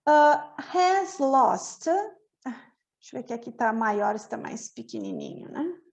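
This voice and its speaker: Slow, high-voiced woman teaching English. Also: sing-song, vocal fry, darkish tone. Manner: patient, repeats and spells out words. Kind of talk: bilingual English lesson.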